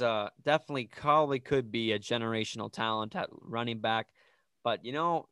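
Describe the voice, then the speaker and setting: Clear-voiced man hosting sports talk. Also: medium pitch, a bit bright, no room sound. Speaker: sports podcast host. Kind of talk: casual sports commentary chat.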